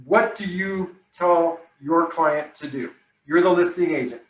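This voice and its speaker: A man speaking in a relaxed conversational way, his voice a little higher than most men's and picked up from some distance off the mic. The room adds a clear echo around him, and he keeps tossing in "right?" to pull his listener along as he talks. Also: unhurried. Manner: chatty, tags statements with "right?". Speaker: roofing contractor hosting the talk. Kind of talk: casual conversational discussion. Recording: roomy sound from off the mic.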